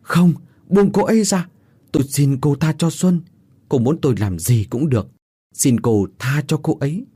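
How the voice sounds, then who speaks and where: A man voicing a bound, desperate young man who begs and shouts in a frantic voice. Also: mid-range voice, sing-song, moderate pace, slightly rough, no room sound. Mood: pleading.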